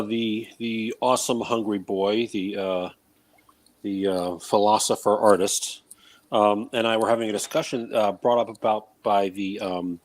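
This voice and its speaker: A man calling in on his cell phone for a casual chat, his voice carrying a slight echo. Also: on the low side. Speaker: call-in guest.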